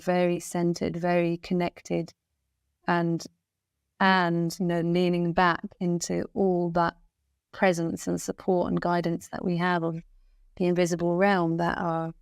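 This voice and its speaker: A woman talks as an interview guest in a reflective, earnest, flowing manner, stringing phrases together and circling back to them. Her voice is smooth and sits a little low. The sound is close and dry, with no room around it. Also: a little mellow, dry recording. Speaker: guest musician. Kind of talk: reflective spiritual interview talk.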